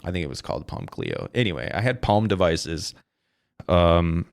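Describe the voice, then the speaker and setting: A man's voice: low voice, big pitch swings, normal speed, gravelly, no room sound, clean studio sound. A man hosting a casual solo podcast, rambling and swearing as he corrects himself on a desk mic. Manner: rambling, profane, self-correcting. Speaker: podcast host. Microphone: desk mic through a streaming interface.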